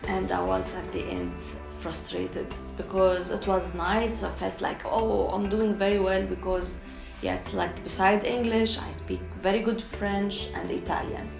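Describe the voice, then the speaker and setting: A Syrian woman with an Arabic accent, a freelance translator, speaks candidly in a casual documentary interview, often hesitating while searching for words in her second language. Her mid-range voice moves at a measured pace with vocal fry, sounding roomy over music.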